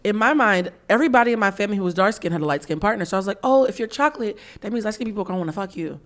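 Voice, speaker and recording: A woman in her thirties from the US East Coast, hosting a candid podcast conversation, blunt and animated, acting out quotes. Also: mid-range voice, very fast. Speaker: podcast host.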